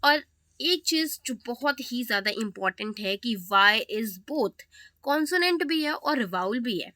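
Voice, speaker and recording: Indian woman teaching pronunciation, slow rules. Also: on the high side, lively intonation, pushed and bright, no room sound. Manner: slows down to read rules aloud in English, repeats "ठीक है". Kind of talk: classroom explanation.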